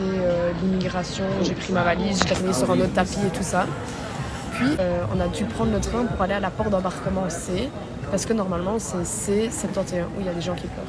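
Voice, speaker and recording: A teenage girl with a Belgian French accent, chatting casually to the camera in a travel vlog, self-mocking and talkative. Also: medium pitch. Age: teens. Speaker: exchange student vlogger. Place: airports, buses and planes while travelling.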